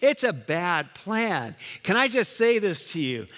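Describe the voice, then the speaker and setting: Male pastor, grew up in Liberia, bright forceful sermon voice, lively and chatty, long church-hall reverb. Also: high-pitched, measured pace. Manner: animated preaching with restarts and asides.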